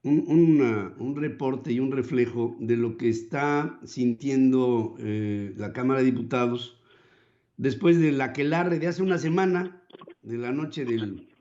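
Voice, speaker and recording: An older man hosting a radio talk show, reflective and drawn-out, with frequent restarts. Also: mid-range voice, mellow. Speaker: radio host. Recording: muffled lo-fi broadcast audio.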